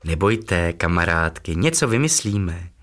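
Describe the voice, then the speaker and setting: Cheerful little magic elf from a storybook, friendly and reassuring, low-pitched, read by a man. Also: very animated, a bit bright. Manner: kindly, reassuring.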